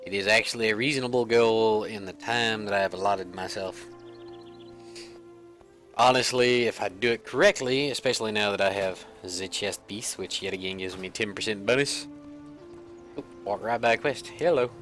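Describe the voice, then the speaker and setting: A man's voice: fairly low pitch, moderate pace, fairly bright tone, faint music behind. A man giving rambling, self-mocking, casual commentary while he plays a video game. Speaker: let's play gamer.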